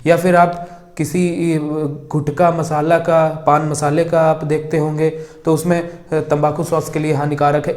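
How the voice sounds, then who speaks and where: At a board, a young male teacher gives a grammar lesson, dictating slowly and repeating each word as he writes it. His voice is somewhat high and a little mellow, and he keeps posing questions and answering them himself.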